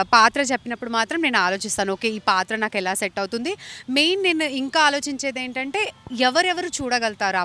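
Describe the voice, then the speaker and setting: A woman's voice: fairly high pitch, bright, forceful tone. A young woman from India answering interview questions earnestly and mixing English phrases into her speech. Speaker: actress interviewee.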